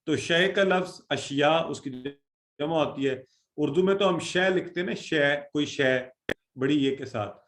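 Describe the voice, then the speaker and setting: A man's voice: on the high side, a bit bright, reverberant. A man teaching Quranic Arabic in an online class, explaining words with everyday Urdu examples and putting questions to his students.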